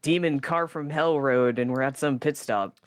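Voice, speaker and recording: A man's voice: medium pitch, normal speed, clean tone, no echo, clean studio sound. A man improvising casually as a player in a tabletop role-playing game.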